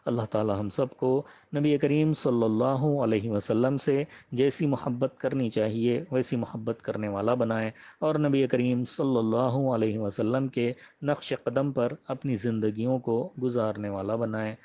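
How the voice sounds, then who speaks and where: A man reading a religious biography aloud in a measured, reverent way and ending with a prayer. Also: medium pitch, steady tone, dark tone. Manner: measured and reverent, with frequent honorifics. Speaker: religious history reader. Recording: slightly muffled, dull audio.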